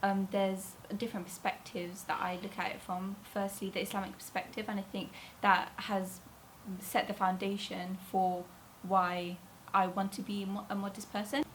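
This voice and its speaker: A woman from Bangladesh answers with calm, measured thought. Her pitch barely moves. A faint background hiss is present. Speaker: interviewee. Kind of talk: documentary interview.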